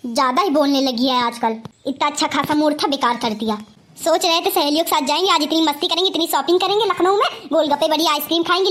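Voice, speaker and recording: A woman's voice: high-pitched, close to an everyday voice. Woman voicing a sly spoiled college girl. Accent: Awadhi-tinged Hindi. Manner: bossy and sly, sweet to her mother, mean in asides. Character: spoiled scheming young woman, college-going elder daughter. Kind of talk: cartoon comedy voice acting.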